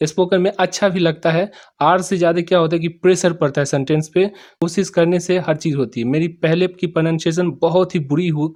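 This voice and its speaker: A man teaching English sentences in Hindi, repeating each phrase slowly, spelling out words and often asking if students understood. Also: fairly high pitch, darkish tone. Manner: repeats each sentence slowly, checks "samajh mein aa gaya?"; spells and sounds out words letter by letter. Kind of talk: spoken English lesson explained in Hindi.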